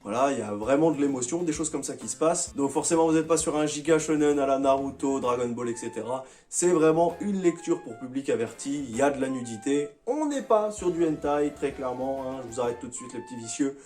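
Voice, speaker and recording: A man's voice: mid-range voice, lively intonation, a little fast, few pauses, darkish tone, faint music behind. A man talking casually and enthusiastically to his viewers as he reviews his monthly manga picks, with slangy, chatty phrasing.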